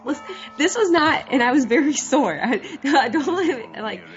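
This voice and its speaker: A woman's voice: high voice, animated, moderate pace. A woman with a nasal, congested voice from a cold, chatting casually as a podcast co-host and laughing often. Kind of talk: casual chat. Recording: dull lo-fi audio.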